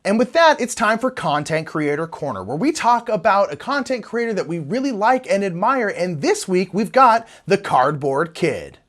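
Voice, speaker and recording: A woman's voice: medium pitch, very animated, normal speed, hardly any pauses. A woman co-hosting scripted comedic news in the manner of a parody news anchor. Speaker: co-host of a satirical board game news show.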